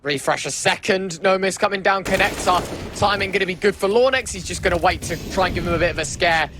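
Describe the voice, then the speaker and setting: Esports caster, male, high-pitched, dramatic live match commentary over noticeable game sound. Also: fast talker. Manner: dramatic, exclamatory, vivid phrasing. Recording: clear game noise behind the voice.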